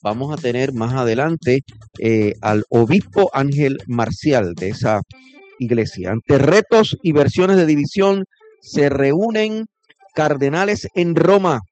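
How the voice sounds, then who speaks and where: A man hosting a radio news segment, reading headlines in a brisk delivery. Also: medium pitch, expressive, darkish tone, muffled recording.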